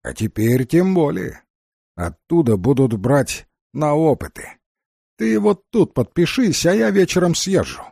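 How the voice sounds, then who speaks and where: Guy doing a bossy cigar-smoking villain lady, high pushy voice, bit husky. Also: very animated, measured pace, mellow, no echo, studio quality, full character voice. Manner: brusque, domineering, mock-coaxing.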